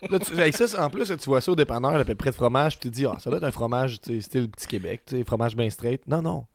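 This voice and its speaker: A man's voice: medium pitch, expressive, fast talker, vocal fry. A man with a Québécois accent co-hosting a casual podcast, asking teasing questions and reading out viewer comments. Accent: Québécois French. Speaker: podcast co-host.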